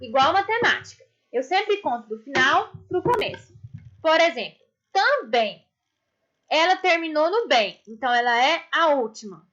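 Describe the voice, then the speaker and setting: A woman's voice: high-pitched, expressive, normal speed, a bit bright. A woman teaching an online class to young children in Brazilian Portuguese, explaining patiently and affectionately. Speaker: primary school teacher. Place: indoors, construction noise nearby. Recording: muffled lo-fi home recording.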